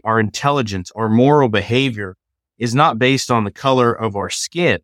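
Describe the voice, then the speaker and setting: Measured man lecturing as a law professor. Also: mid-range voice, a bit bright, no room sound, studio quality. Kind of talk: explaining ideas in a conversation.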